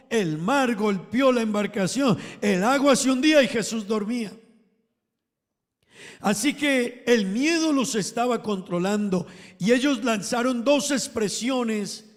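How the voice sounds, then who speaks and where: A man preaching a sermon to his congregation, emphatic, rising loud and falling soft as he calls them brothers. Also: high-pitched, in a large hall. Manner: emphatic, swells and drops in volume, addresses congregation as brothers.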